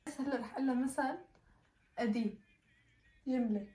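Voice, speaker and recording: A woman's voice: high voice, steady tone, fairly quick, dark tone. A woman with a Levantine Arabic accent in casual game chat, often repeating words for a partner to guess. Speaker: challenge video participant. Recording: echoey room.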